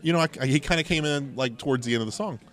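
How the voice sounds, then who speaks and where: Racing along in a mid-range, fairly bright voice, a middle-aged American man hosts a podcast at a local game store. His storytelling is conversational and loaded with digressions and banter.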